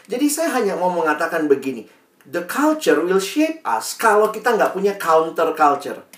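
A man delivering a sermon to a youth audience, his voice rising and falling with lots of expression. He talks in a chatty, animated way. The sound is roomy and picked up from some distance. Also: sits high, normal speed. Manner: lively, conversational, acts out teen questions. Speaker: youth speaker. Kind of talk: sermon to young people.

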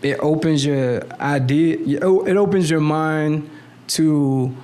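This thirties-aged guest has a warm, fairly high voice and takes his time, speaking slowly. In easygoing conversation he rambles in slang, keeps restarting sentences, and drops plenty of "you know what I'm saying."

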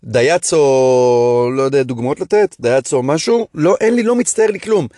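A man's voice: medium pitch, no echo. Man, comedian podcast host, rambling monologue, dry close sound. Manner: rambling, animated, many restarts. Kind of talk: casual monologue.

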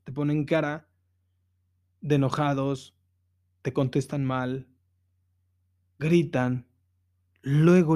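Male podcast host, earnest storyteller, slightly high pitch. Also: darkish tone. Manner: earnest, storytelling with emphatic repetitions. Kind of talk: spiritual self-help monologue.

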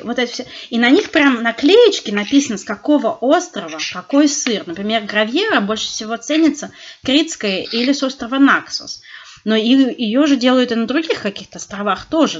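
Chatty woman on a muffled line. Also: on the high side. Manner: chatty, animated storytelling with frequent fillers and restarts. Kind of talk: casual chat.

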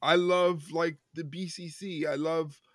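A man co-hosting a casual wrestling podcast, ranting with lots of repeated words and quick laughs. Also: on the high side, level tone, dry recording, studio quality. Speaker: podcast co-host.

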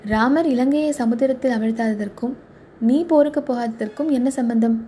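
A woman reading the part of a lively, curious young wife in a storybook, in a coaxing, questioning manner. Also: fairly high pitch, moderate pace, slightly rough.

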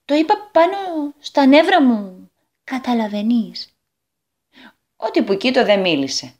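A woman reading a children's story aloud on a community radio show, expressive and animated. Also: medium pitch.

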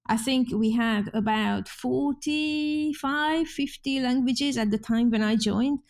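Slow and a little mellow, a high female voice belongs to a Hungarian-accented journalist in her fifties who shares her story on a podcast. She talks loosely, often restarting and laughing a lot.

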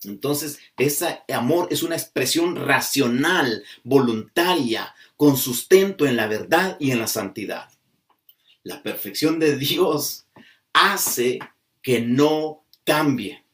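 Slow, emphatic preacher man, far from the mic. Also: mid-range voice, expressive. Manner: slow, emphatic preaching, stretching key words. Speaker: pastor. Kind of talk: sermon. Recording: voice from a distance off the mic.

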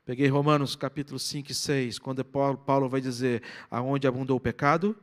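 A Brazilian man preaching a sermon, telling a personal story that swings between loud excitement and hushed, low passages. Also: brisk. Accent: Brazilian Portuguese. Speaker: pastor.

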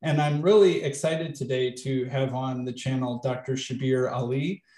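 Male YouTube host, flat casual delivery, echoey room. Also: mid-range voice, moderate pace. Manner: casual, filler-heavy questions. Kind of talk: interviewing a guest on a video call. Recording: roomy echo.

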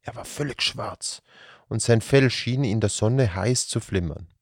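Male storyteller for kids: low, husky, unhurried fairy-tale reading. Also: dry recording, studio quality. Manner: slow, calm, gravelly storytelling. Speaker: storyteller host. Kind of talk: fairy tale read aloud for children.

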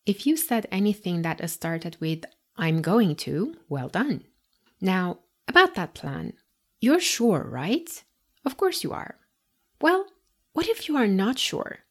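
A woman teaching a scripted podcast lesson, addressing the listener directly with guiding questions and pauses. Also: medium pitch, very animated. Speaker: English teacher and podcast host.

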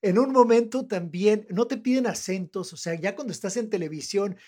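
An interviewer asking quick, probing questions in a casual chat. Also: mid-range voice, darkish tone.

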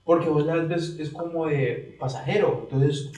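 A man's voice: a little high, steady tone, measured pace, warm tone. A young man co-hosting a casual podcast chat, slangy and loose, explaining things through examples. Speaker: podcast co-host. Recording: roomy sound, mic at a distance.

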